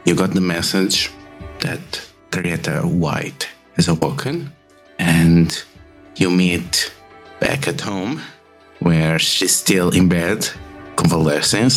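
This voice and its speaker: Deep-voiced man as game master. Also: low-quality recording. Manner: descriptive, measured narration with restarts. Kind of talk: narrating a tabletop game.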